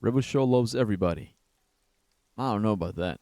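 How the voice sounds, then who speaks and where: A man's voice: on the low side, fairly quick, mellow, dry recording, studio quality. A young man streaming a game, rambling in casual commentary and swearing often. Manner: rambling, profane, says "bro" and "like" a lot.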